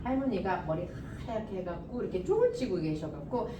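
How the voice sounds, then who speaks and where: A middle-aged woman professor, giving a humorous lecture and joking with a lively, laughing delivery. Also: medium pitch, brisk, noisy background. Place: lecture hall. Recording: roomy hall, mic from a distance.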